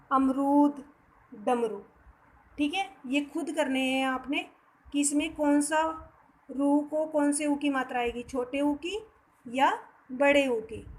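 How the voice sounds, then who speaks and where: A woman's voice: high voice, poor audio. A woman teacher giving a patient phonics lesson to young children, sounding words out syllable by syllable and mixing in English words. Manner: mixes English words into Hindi.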